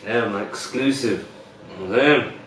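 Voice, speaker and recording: A man's voice: medium pitch, normal speed, reverberant, recorded from a distance, noisy background. A man with a London accent, talking as a guest in a casual interview, in laid-back street slang with plenty of fillers. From West London.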